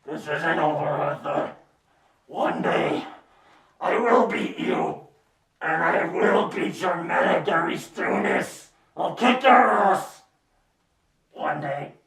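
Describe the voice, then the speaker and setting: Guy voicing a squeaky raspy evil overlord yelling insults, slow drawl, far off in an echoey room. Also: lively intonation, heavily acted. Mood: bitter. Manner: shouting taunts and insults. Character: ranting male villain overlord, petty and boastful. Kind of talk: comedy sketch acting. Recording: echoey room from a distance over music.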